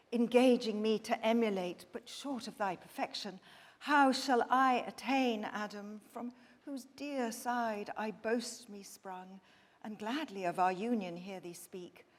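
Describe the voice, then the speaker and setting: A woman voicing Eve, the first woman, eager and persuasive, in a measured dramatic verse reading. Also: on the high side, lightly acted. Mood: adoring. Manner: measured, earnest verse delivery. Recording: long hall reverb.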